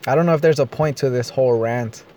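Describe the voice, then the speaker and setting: A man's voice: mid-range voice, fast, mellow. A man ranting in a vlog, agitated, swearing and rambling. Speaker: vlogger. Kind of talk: profane personal rant.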